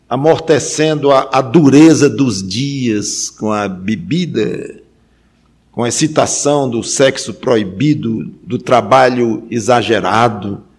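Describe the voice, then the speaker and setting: A man preaching a sermon, rising to loud emphatic peaks and dropping to low quiet stretches, often repeating words as he thinks. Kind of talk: sermon on Ecclesiastes.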